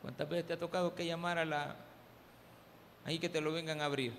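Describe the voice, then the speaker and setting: A Salvadoran man preaches to his congregation, slipping into jokey anecdotes and calling out "hermano". His voice sits high with a rough, gravelly edge. The recording carries a long church-hall reverb over faint background noise. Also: steady tone, fairly quick, a bit bright. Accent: Salvadoran Spanish. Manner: humorous storytelling, addresses the congregation as "hermano". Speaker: pastor. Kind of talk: sermon with personal anecdotes. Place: church service.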